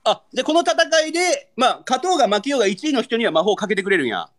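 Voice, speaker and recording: A man's voice: extremely high pitch, sing-song, very fast, fairly bright tone. A young man with a Kansai accent, a livestreamer bantering in mock anger and pleading with viewers for gifts. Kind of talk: live-stream battle banter.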